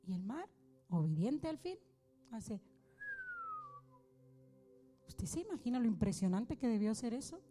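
A woman's voice: fairly high pitch, sing-song, unhurried, long pauses, mellow, soft background music. A woman preacher giving a sermon in a conversational way, asking rhetorical questions and building to fervent appeals.

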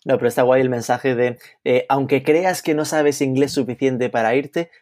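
Casual interviewer with a dry sound. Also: male voice, mid-range voice, fairly even intonation, moderate pace, darkish tone, no room sound. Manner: casual, slangy, laughs often. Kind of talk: conversational interview.

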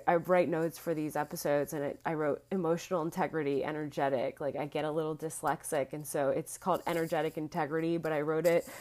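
A woman's voice: on the low side, a little mellow. Laughing, chatty woman podcast host. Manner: laughs often, swears casually, talks with many likes. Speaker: podcast host and wellness coach. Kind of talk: casual solo podcast talk.

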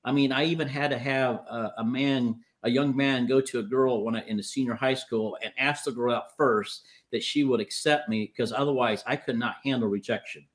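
Leading prayer on an online livestream, a fifties-aged preacher with a speech impediment offers unscripted charismatic prayer and exhortation. His mid-range voice stays steady in tone while he stumbles, pauses, and repeats words.

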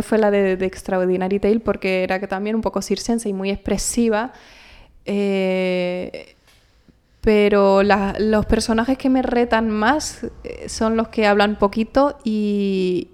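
The guest is a young adult actress from Spain's Canary Islands, talking in a relaxed interview. She's expressive and thoughtful but often restarts her sentences. Her voice is medium-pitched and darkish, with a clean tone.

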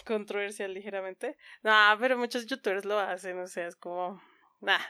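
A woman's voice: mid-range voice, normal speed, sharp tone, clear, resonant tone, dry recording, clean studio sound. A woman co-hosting a podcast in casual chat, giggly and informal, often poking fun at herself. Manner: giggly, frequently laughing. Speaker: podcast co-host.

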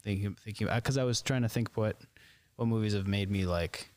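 A man's voice: on the low side, brisk. A man co-hosting a podcast, chatting casually about films with frequent restarts. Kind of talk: casual chat.

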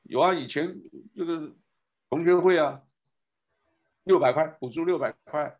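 A man's voice: on the high side, unhurried, lo-fi sound. A man giving a rambling casual commentary, speaking to his listeners and asking them one rhetorical question after another.

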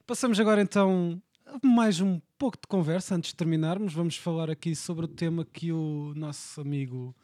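A young man hosts a podcast in European Portuguese, moving the talk along with wry asides. His voice is fairly high, and it is recorded close and dry with no room sound. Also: moderate pace, hardly any pauses, mellow, no room sound. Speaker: podcast host. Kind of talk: casual chat.

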